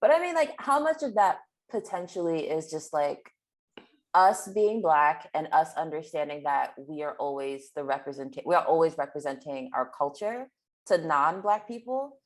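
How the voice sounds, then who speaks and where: A woman with a very low voice in a casual podcast conversation. She thinks aloud, offering ideas tentatively and carefully. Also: lively intonation, moderate pace. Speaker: podcast guest. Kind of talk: casual chat.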